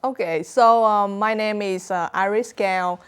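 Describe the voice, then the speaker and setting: A woman's voice: mid-range voice, steady tone, unhurried, smooth. A young woman from Vietnam with a Vietnamese accent, answering interview questions in hesitant, simple English full of fillers. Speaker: author guest.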